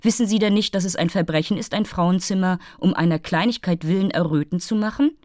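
A woman's voice: lowish voice, fairly quick, darkish tone, no echo, studio quality, pitched above the performer's own voice, natural voice. A woman voicing a haughty, moralizing female fairy who lectures and takes offense easily. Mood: indignant.

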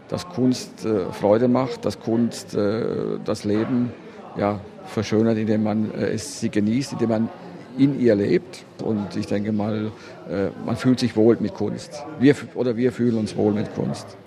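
Halting lowish-voiced man amid a crowd. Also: steady tone, gravelly. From Germany. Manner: halting, searching for words. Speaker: art collector being interviewed. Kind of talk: unscripted interview answers. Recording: busy crowd in background.

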